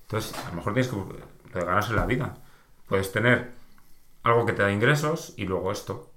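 A man's voice: lowish voice, fairly quick. A man with a Peninsular Spanish accent, chatting casually on a podcast, telling stories with frequent laughter. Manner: animated storyteller, laughs often.

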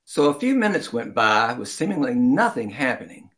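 Reading a kids' story in a deliberate, amateur way, this man stumbles now and then and clears his throat. His mid-range voice is a bit bright and swings widely in pitch.

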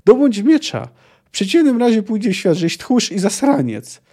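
Man voicing a brutal bounty hunter, shouting taunts, high and loud, dark tone. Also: very animated, normal speed, husky, heavily acted. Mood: goading. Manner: shouting, goading.

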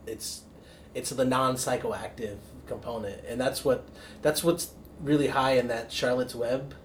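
A man's voice: mid-range voice, steady tone, measured pace, slight background noise. Earnest man explaining things. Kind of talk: casual podcast chat.

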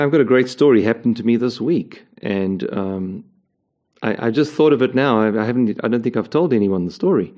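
A man's voice: lowish voice, a little mellow, muffled recording. A man, a ministry leader, answering an interview question by telling a story earnestly, often repeating words as he starts a phrase.

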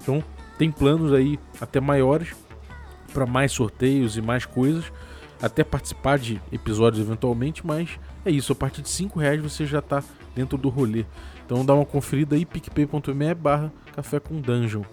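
A man's voice: mid-range voice, normal speed, a little mellow, faint music behind. A man with a Brazilian Portuguese accent hosts a podcast in a casual, chatty, slangy way. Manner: informal, slangy. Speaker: podcast host.

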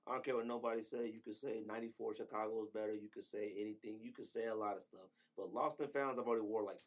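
A man's voice: lowish voice, steady tone, fast talker. A man in his thirties co-hosting a podcast, giving emphatic, slangy opinions in casual chat. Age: 30s. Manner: emphatic, slangy, counts down rankings. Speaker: podcast co-host.

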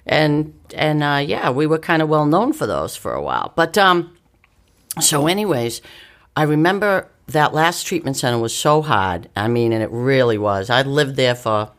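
A middle-aged woman telling her story in casual chat, candid, with quick asides and frequent laughter. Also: sits low, expressive. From Italian-American family, northeastern US. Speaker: podcast guest.

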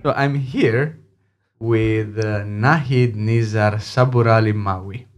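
A man's voice: on the low side, takes it slowly, over music. A man hosting a podcast interview who reads a short intro and then asks questions in a hesitant way, often restarting his phrases. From outside Slovakia. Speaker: podcast host.

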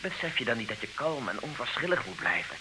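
A meddling friend voiced by an actor in a vintage radio drama. He speaks at a medium pitch with a lively, rising and falling voice, pressing and lecturing. Clear tape hiss runs through the recording. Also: fast, lightly acted. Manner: insistent and probing, with a lecturing tone. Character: meddling, prying family friend. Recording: hissy old radio recording.

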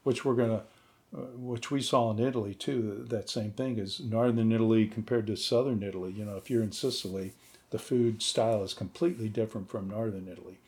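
A man's voice: on the low side, fairly even intonation, a little fast, darkish tone. A man speaking as a podcast guest, explaining things in a casual conversational way. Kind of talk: casual explanatory interview talk.

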